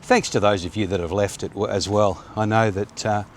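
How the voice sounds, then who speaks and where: An Australian man in his fifties speaks briskly in a fairly low, steady voice, rambling chattily with many fillers. He vlogs while walking a sunny, quiet suburban street, recorded on a phone or action camera at arm's length with a little hiss or hum.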